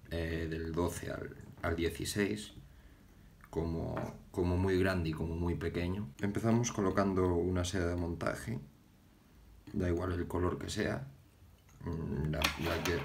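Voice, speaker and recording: A young man from Galicia hosting a casual fly-tying tutorial, talking haltingly and repeating words as he works with his hands at an indoor bench. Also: deep voice, creaky, slight background noise. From Galicia, Spain. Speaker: fly-tying channel host.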